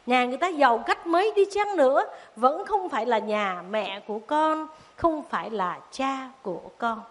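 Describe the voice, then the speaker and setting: A Buddhist nun, telling a story to children in a dharma talk and asking them questions. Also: female voice, sits high. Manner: animated, asks the children questions.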